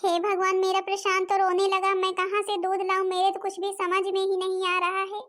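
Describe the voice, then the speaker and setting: A woman's voice: very high-pitched, monotone, moderate pace, fairly bright tone, voice pushed up. A woman voicing a caring, worried teenage older sister in a cartoon. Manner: worried, pleading. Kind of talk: cartoon voice acting.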